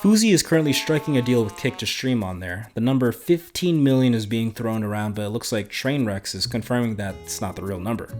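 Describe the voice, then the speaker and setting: A male host delivers informal, opinionated commentary with sardonic emphasis. His pitch is average, and light music plays underneath. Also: brisk, few pauses.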